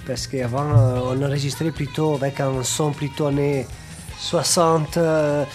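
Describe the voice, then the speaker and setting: A male musician interviewed on the radio, speaking thoughtfully and hesitantly with many pauses. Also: a little high, little pitch movement, over music. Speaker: musician guest.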